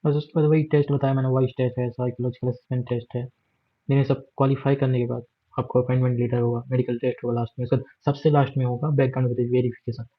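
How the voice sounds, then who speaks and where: This exam guide presenter, a man with an Indian accent, explains an on-screen job notification at a steady clip, with fillers and English words sprinkled in. He talks fast in a mid-range voice with a level tone. It's a dull, lo-fi voice recording.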